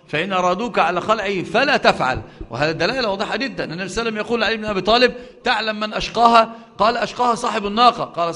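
A man's voice: sits high, pushed and bright. A man with an Egyptian accent teaching a live religious lesson, emphatic and full of "aah" fillers, restarts and rhetorical questions to his students. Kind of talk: live classroom lecture on doctrine.

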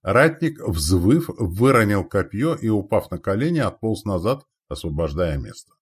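Deep-voiced man reading dramatically. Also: sing-song, normal speed, breathy edge. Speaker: narrator. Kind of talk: audiobook narration of a war novel.

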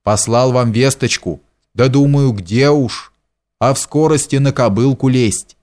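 A man's voice: mid-range voice, measured pace, a little mellow, close to an everyday voice. A man playing a robber chieftain just freed from prison, speaking boisterously to his comrades. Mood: joyful. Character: freed robber chief, bold and warm-hearted.

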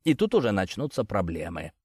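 A man voicing a gruff, unhurried old man in an audiobook, speaking low, quiet and drawling. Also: sing-song, no room sound, clean studio sound. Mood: weary. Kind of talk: audiobook character voice.

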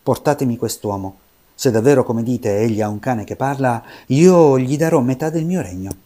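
A man's voice: mid-range voice, fast talker, mellow, close to an everyday voice. A man voicing a curious, commanding king in a folk tale. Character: village king, older man, curious and grand.

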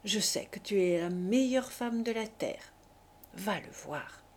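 A woman voicing a gentle, self-effacing older brother who speaks tenderly and softly. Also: medium pitch, lively intonation, slow pace. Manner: tender, soft-spoken.

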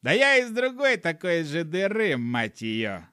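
A man's voice: on the high side, sing-song, measured pace, pushed and bright, dry recording, clean studio sound, heavily acted. Man doing a cursing grumpy gnome. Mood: grumbling. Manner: swears constantly, grumbling. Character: foul-mouthed hot-tempered male gnome wanderer. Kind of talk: audiobook character voice.

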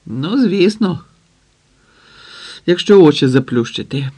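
A man's voice: a little high, expressive, takes it slowly, dark tone, slightly rough, pitched above the performer's own voice, exaggerated voice. Strict, sarcastic mum of a big brood, read by a man: curt orders, dry jokes. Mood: stern. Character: stern, dry-witted mother of many children.

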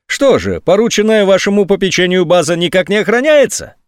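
A man's voice: sing-song, fairly quick, no echo, studio quality. Man putting on a sneering, sarcastic general. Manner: mocking, sneering, sometimes shrill. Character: sarcastic, scornful male army general on phone.

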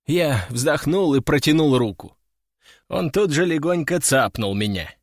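A man's voice: a little high, animated, no room sound. Male audiobook narrator, dry close voice. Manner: first-person storytelling, wry and measured. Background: faint music.

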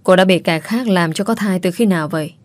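Low-voiced woman narrating a story. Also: no echo. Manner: steady, measured reading.

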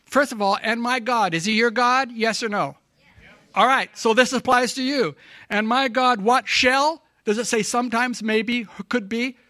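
Emphatic high-voiced preacher man. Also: normal speed, pushed and bright, no echo. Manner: emphatic, asks the congregation questions; gets emotional. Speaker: pastor. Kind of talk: sermon. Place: church.

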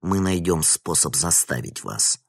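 A man voices a ruthless scientist who threatens with cold, measured calm in an audiobook. The voice is very deep and husky, recorded dry and close. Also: no echo, full character voice. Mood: cold, threatening. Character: cold, menacing male scientist boss, predatory.

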